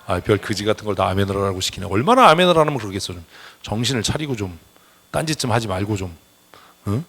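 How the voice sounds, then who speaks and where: A man's voice: on the low side, expressive, fast, a bit bright, husky. A male pastor preaching a Sunday sermon in a church, blunt and scolding, calling on the congregation to answer amen. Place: church sanctuary.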